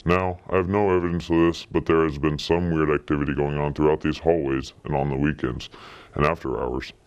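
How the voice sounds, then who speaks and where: An anonymous witness in a student news interview, speaking through a pitched-down disguise effect and hedging as they pass on rumors. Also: fairly even intonation, a little fast, smooth. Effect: voice pitched down to disguise identity.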